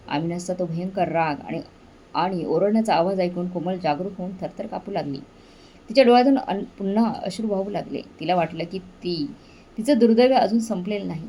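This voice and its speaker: A woman narrating a dramatic story in an expressive storybook reading style. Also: lowish voice, low-quality recording.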